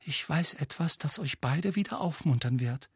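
A man plays a bright, caring teenage girl in a storybook. Her voice sits clearly higher than his own, soft and concerned. She speaks gently and carefully. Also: lively intonation, slow pace, no echo, clean studio sound, heavily acted. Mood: shaky.

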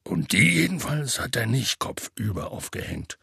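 A man voicing a huge, gruff half-giant gamekeeper in an audiobook, telling his story in a rough, folksy way. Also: big pitch swings, moderate pace, a bit bright, no echo, clean studio sound, heavily acted. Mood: gruff storytelling. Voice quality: deep and gravelly. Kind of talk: audiobook character voice.

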